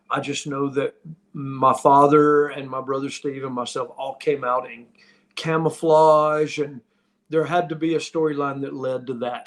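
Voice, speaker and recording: A middle-aged man with a slightly high-pitched voice, chatting as a guest and former pro wrestler. He reminisces casually, letting his phrases come out loose and halting, often doubling back on words.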